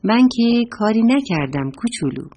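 A woman's voice: medium pitch, sing-song, warm tone, a little hiss or hum, voice pushed up. Woman doing a jovial teasing elephant. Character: big friendly teasing elephant.

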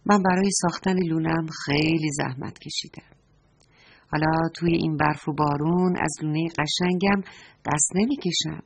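A woman voicing an old, gentle, hardworking lady ladybird in a children's story. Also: lowish voice, slight background noise, close to an everyday voice. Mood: determined. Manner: soft, trembling when afraid.

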